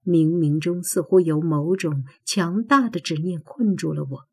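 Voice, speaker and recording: A woman reading a first-person novel aloud in a measured, reflective storytelling manner. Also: lowish voice, husky. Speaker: narrator. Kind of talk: first-person audiobook narration. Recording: faint background music.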